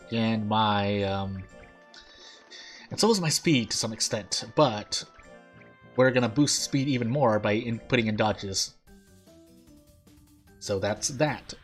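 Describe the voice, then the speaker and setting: A man's voice: lowish voice, slow pace, long pauses. A man rambling and thinking aloud in casual game commentary, with an overbite that makes his teeth catch his lip on some sounds. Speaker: gaming streamer. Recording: game music behind the voice. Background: game music.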